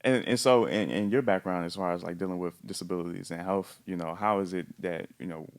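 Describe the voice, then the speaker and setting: A man's voice: low-pitched, steady tone, brisk. A man co-hosting a casual podcast discussion, easygoing and asking questions. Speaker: podcast co-host.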